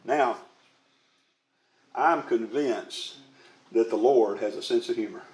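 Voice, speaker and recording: A Primitive Baptist pastor preaches a sermon to his congregation in a slow, slightly mellow, medium-pitched voice, telling stories in a folksy, conversational way and repeating phrases for emphasis. The indoor church meeting room gives the recording a roomy, echoing hall sound.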